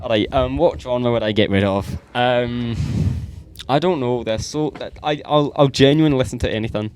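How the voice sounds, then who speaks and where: A man's voice: medium pitch, normal speed, a little mellow, smooth. A young man co-hosting a podcast, joking bluntly and swearing freely in casual banter. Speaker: podcast co-host.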